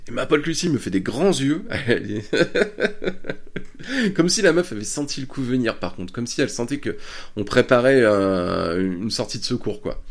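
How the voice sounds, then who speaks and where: Male podcast host, gravelly low voice, lively swings in pitch, crude casual anecdotes. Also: normal speed. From France. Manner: crude, chatty, laughing often. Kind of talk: casual storytelling. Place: Bordeaux area.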